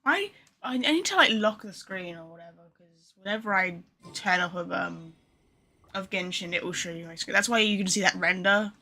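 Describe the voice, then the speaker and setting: Rambling along in casual live-stream chat, this female gamer teases herself as she talks to viewers. She speaks at normal speed with a medium-pitched, expressive voice that comes across pushed and bright.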